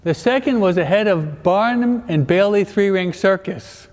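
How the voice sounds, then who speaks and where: A man's voice: high-pitched, normal speed, a little mellow. A man giving a parish talk as a priest, mixing jokes with teaching and often checking in with his audience. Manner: joking, keeps checking the audience with questions. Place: large church. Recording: echoey church with long reverb.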